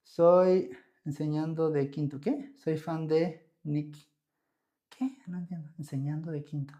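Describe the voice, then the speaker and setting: Man, young adult, Mexican Spanish accent, slightly high voice, English teacher, live-stream lesson, chatty, keeps asking "¿ok?". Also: steady tone, measured pace, dark tone. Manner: chatty, answers viewer comments, checks in with "¿ok?" often.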